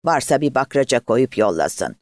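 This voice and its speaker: A man voicing a sly, flattering village man with a wheedling manner. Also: mid-range voice, normal speed, no room sound, studio quality, close to an everyday voice. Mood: coaxing.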